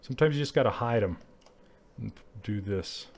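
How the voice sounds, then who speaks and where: A man's voice: lowish voice, normal speed, vocal fry. Chatty man teaching 3D sculpting live. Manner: chatty, laughs often, answers chat while working. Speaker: 3D art instructor streaming live. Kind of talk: casual live-stream tutorial.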